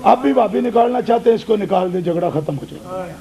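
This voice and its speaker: A man preaching an impassioned sermon at a large gathering, shouting and repeating phrases for emphasis. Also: high voice, expressive, poor audio. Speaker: religious preacher and debater. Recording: loud crowd at a live gathering.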